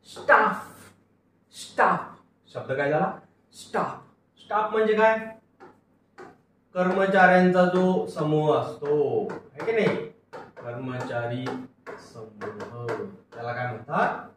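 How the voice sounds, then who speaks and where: Male teacher, phonics lecture, patient and repetitive, higher voice, distant mic, very echoey room with faint hiss. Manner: patient, repeats each word and asks pupils to read along.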